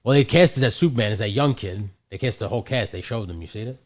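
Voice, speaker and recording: Low-voiced man in casual podcast chat. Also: fast talker. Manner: loose and profane, with frequent restarts. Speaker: podcast co-host.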